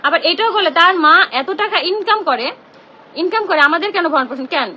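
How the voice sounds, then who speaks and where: A young woman speaks into her phone on a live stream from home. Her voice sits very high and sounds bright and tense. She talks fast and hammers the same grievances again and again. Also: expressive, lo-fi sound. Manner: indignant, confrontational, repeats herself. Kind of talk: emotional live-stream rant.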